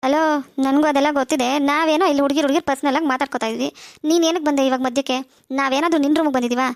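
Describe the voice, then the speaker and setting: A woman's voice: high voice, fairly even intonation, rapid-fire. A woman voicing a bossy, sassy teenage girl who bickers with her brother in a cartoon. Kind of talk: cartoon voice acting.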